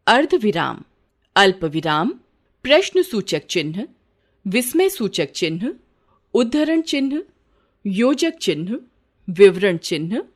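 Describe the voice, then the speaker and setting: A woman reading a school grammar lesson aloud in a measured way, voicing the examples with varied intonation. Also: mid-range voice.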